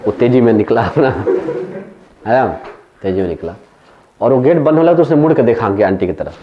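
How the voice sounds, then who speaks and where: A man's voice: medium pitch, expressive, a little fast, highs cut off. A male economics teacher with an Indian accent, giving a classroom lecture that switches between Hindi and English and tells anecdotes. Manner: storytelling, mixing Hindi and English, laughing at his own anecdotes.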